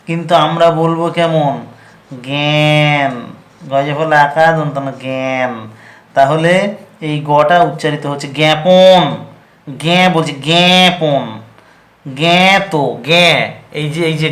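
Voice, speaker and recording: Man teaching, high voice in an echoey room. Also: fairly bright tone. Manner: explains rules by asking and answering his own questions; repeats example words slowly for emphasis. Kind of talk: exam-prep Bengali pronunciation lesson.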